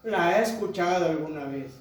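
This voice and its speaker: A man's voice: high-pitched, expressive, moderate pace. A man preaching a sermon to a congregation, asking them rhetorical questions. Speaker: pastor. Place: church hall. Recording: echoey church hall from far off.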